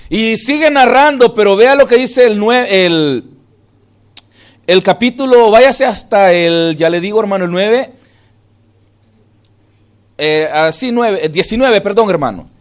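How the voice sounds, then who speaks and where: A male pastor preaching a sermon, calling listeners "hermano" as he moves between hushed and raised delivery. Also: high voice, expressive, a little slow, long pauses.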